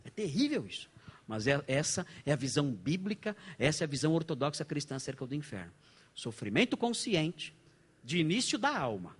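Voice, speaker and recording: A man's voice: a little high, brisk, breathy edge. A middle-aged man with a Brazilian Portuguese accent, preaching as a pastor at a church conference. He asks his audience rhetorical questions and jokes often. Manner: animated and joking, with frequent rhetorical questions. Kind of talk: conference sermon lecture.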